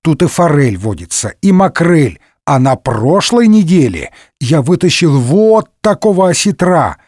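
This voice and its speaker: A man's voice: fairly high pitch, very animated, unhurried, a little mellow, dry recording, studio quality. A man voicing a boastful old musketeer nobleman. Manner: exclamatory, tall-tale bragging.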